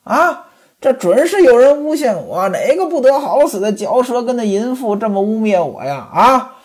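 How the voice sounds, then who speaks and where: Brief: woman voicing a crafty young concubine, high wailing pleas, husky, wildly swinging pitch. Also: big pitch swings, normal speed, darkish tone. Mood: protesting. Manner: high wailing protesting pleading. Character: cunning young concubine pleading innocence.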